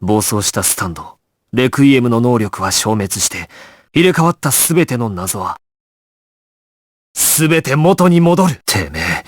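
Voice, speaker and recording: A male actor voices a resolute, composed young gangster squad leader in an anime video game, giving clipped, terse, authoritative orders in a grave mood. His mid-range voice swings widely in pitch at an unhurried pace. It is dramatic Japanese anime game acting, recorded dry with clean studio sound.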